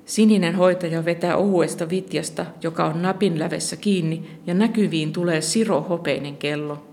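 A narrator reading a first-person short story in a calm, steady storytelling manner. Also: mid-range voice, vocal fry.

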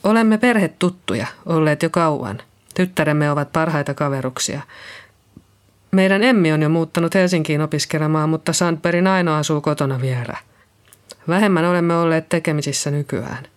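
Close to an everyday voice, clear and resonant in the mid range, an audiobook reader voices a middle-aged nurse being questioned by police. The character is shaken and nervous, talking hesitantly and apologetically.

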